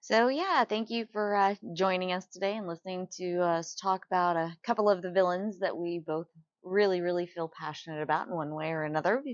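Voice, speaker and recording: A woman with a lowish voice co-hosts a casual podcast, supportive and quick to agree. She often laughs along while her partner talks. The sound is dry and slightly dull. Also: fairly even intonation, dry recording. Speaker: podcast co-host. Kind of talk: casual chat.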